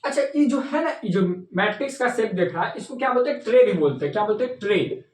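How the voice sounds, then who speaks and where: A man's voice: high voice, lively intonation, fast, a little mellow, a little hiss or hum. A man teaching maths in a playful, chatty way, asking the class questions and answering them himself. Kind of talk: classroom lecture. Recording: echoey room.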